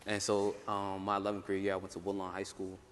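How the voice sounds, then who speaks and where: A man's voice: deep voice, completely flat delivery, fast talker, a bit bright, slight background noise. Young man telling his story on a panel. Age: young adult. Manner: casual, many "like" fillers, laughs often. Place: conference hall. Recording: roomy hall, faint ambience.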